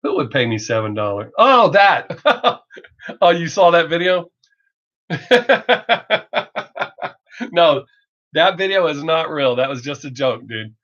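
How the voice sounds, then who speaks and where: A Southern American man hosts a live stream as a reaction video creator, his slightly high, a bit bright voice running sing-song. He talks fast enough to mask his drawl, chatting casually, bluntly and profanely, rambling and joking, over dull lo-fi audio.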